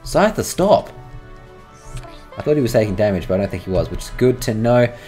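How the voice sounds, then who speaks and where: A man's voice: on the low side, racing, mellow, soft background music. A man, rambling chattily through let's-play game commentary and talking to his in-game creatures. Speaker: gaming channel host.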